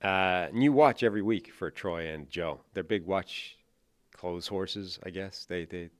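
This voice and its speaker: A man's voice: low voice, unhurried, no echo. A man co-hosting a casual football podcast, wry and joking, spinning out a running bit. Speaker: podcast co-host, football analyst. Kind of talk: casual sports podcast chat.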